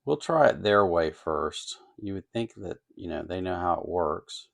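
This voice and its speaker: The host of an electronics kit-building channel narrates hands-on work casually and without a script. His low, gravelly voice has lively intonation and a measured pace, and he muses and hesitates as he thinks aloud at the workbench.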